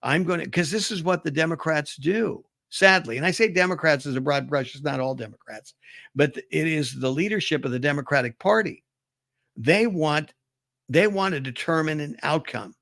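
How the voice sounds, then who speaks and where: A middle-aged man hosting talk radio, rambling into anecdotes and firm opinions. His voice is gravelly with a somewhat raised pitch, recorded close and dry. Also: normal speed, fairly bright tone, no echo. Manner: conversational, storytelling, opinionated. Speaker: radio talk show host. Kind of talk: casual talk-radio commentary.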